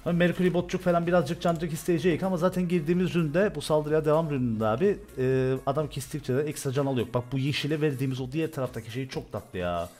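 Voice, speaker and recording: A young man from Turkey commentating loudly and excitedly on his own gameplay, swearing and shouting at the game. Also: a little high, quick pace, hardly any pauses, soft background music. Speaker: gaming streamer.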